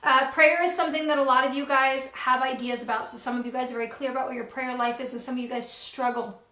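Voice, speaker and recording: A woman's voice: high voice, fairly even intonation, fast talker, bright, forceful tone. A woman co-hosting a motivational pep talk, encouraging and stacking up repeated phrases for emphasis. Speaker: co-host. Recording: roomy echoey sound.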